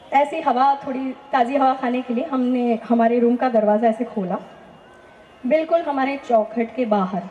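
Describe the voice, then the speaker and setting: A woman's voice: high-pitched, darkish tone, reverberant, dull audio, a little hiss or hum. A woman telling a personal faith testimony in an earnest, emphatic way, often asking rhetorical questions. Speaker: testimony speaker.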